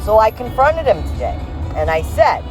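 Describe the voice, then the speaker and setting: A middle-aged woman rants into her camera from the driver's seat, fuming and exasperated. Her pitch swings widely as she vents. Music plays loudly behind her in the car. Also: very animated, normal speed, poor audio. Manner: venting, exasperated, ranting. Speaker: vlogger. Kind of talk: angry ranting vlog while driving. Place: inside a moving car. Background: background music playing.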